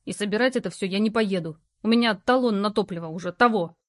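A woman voicing a gruff, burly male courier who talks curtly and in rough slang. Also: medium pitch, fast, no room sound, studio quality, lightly acted.

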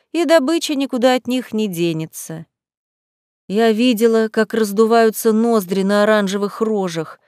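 A woman narrates a first-person fantasy audiobook with expressive, emotional reading. Her voice sits in a middle register. The recording is dry and close. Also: mid-range voice, smooth, dry recording.

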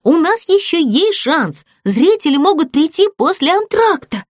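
A woman's voice: very high-pitched, sing-song, unhurried, no room sound, studio quality, pitched above the performer's own voice, heavily acted. A woman voicing a cheerful, hopeful doll girl who rallies her friends.

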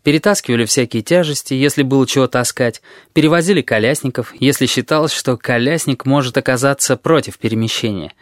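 A man reading an audiobook in the first person, telling the story in a measured, even way. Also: medium pitch, no room sound, studio quality. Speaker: audiobook narrator.

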